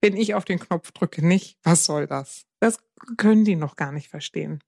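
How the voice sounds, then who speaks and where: A woman co-hosting a parenting podcast, calmly explaining with everyday examples and acting out what a parent might say. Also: on the low side, moderate pace, creaky, husky, dry recording, clean studio sound. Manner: calm, explains with examples, acts out quotes to a child. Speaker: podcast co-host giving parenting advice. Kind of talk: casual advice chat.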